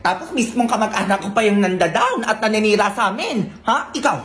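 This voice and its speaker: A woman performing comic family skits, switching quickly between bickering characters. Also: medium pitch, animated. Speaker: comedy sketch creator.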